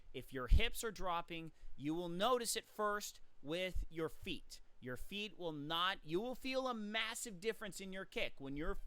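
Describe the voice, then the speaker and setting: Guy coaching swim drills, high bright voice, dry close sound, counts kicks out loud. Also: clear, resonant tone, no echo. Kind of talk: casual instructional talk.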